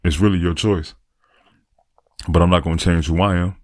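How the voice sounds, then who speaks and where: A man's voice: low-pitched, fairly even intonation, normal speed, no echo, clean studio sound. A man talking through a reflective, earnest podcast monologue, repeating phrases for emphasis. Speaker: podcaster and aspiring motivational speaker.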